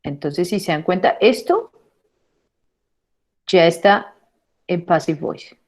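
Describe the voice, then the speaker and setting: A woman teaching an online English class. Her voice sits a little low, and she talks slowly, repeating verb forms deliberately so students can copy them. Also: animated. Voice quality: repeats words slowly to model pronunciation.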